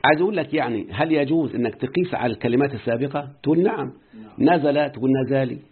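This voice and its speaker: A man's voice: medium pitch, rapid-fire, slight background noise. A man with an Egyptian accent teaching an Arabic grammar lesson and often quizzing his students. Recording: muffled phone-like lo-fi audio.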